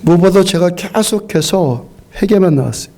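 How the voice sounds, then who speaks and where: A man's voice: high-pitched, lively intonation, normal speed, warm tone. A middle-aged male pastor preaching a sermon in a church, telling a story earnestly and often repeating and restarting his phrases. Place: church sanctuary.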